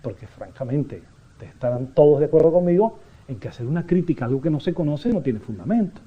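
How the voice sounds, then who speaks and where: A man giving a public lecture to an audience, animated and joking with listeners. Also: a little high, fast, slightly rough. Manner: animated, jokey asides to audience. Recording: dull lo-fi lecture recording.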